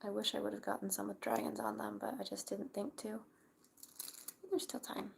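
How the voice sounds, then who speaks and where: A young woman chatting casually in a hushed, breathy library whisper while live crafting. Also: medium pitch, big pitch swings, moderate pace. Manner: hushed library whisper, keeping quiet for sleepers. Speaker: craft livestreamer. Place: at home late at night, crafting. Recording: faint background noise.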